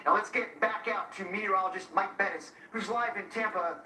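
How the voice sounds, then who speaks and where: A man presenting a live forecast as a TV weather expert, deliberate and emphatic, repeating key points. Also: sits high, sharp tone. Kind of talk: live forecast explanation and handoff. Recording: roomy, distant sound with faint noise.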